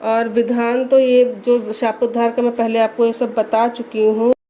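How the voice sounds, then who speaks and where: A woman with a slightly high voice calmly teaches the rules of scripture recitation, reading Sanskrit verses slowly. Her explanations are patient and instructive. A faint background hiss sits under the recording. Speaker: religious instructor.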